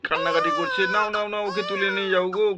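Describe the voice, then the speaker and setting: Man voicing a grumbling doll father, fast and high-ish. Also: fairly even intonation, heavy background noise, lightly acted. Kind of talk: doll play voice-over.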